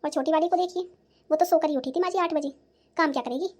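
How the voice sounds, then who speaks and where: A defiant young daughter-in-law in a cartoon who talks back and complains about her in-laws, voiced by a woman. Her voice is high. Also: fast, a little mellow, natural voice. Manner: defensive, answering back. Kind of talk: cartoon voice acting.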